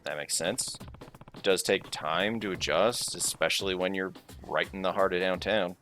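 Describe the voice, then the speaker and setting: A man reading as a calm, reassuring detective. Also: low voice, moderate pace, faint music behind.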